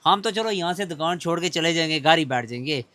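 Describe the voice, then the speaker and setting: A man's voice: on the high side, expressive, quick pace, bright, forceful tone. A middle-aged shopkeeper man speaking outdoors in a market lane, pleading and emphatic in a street interview.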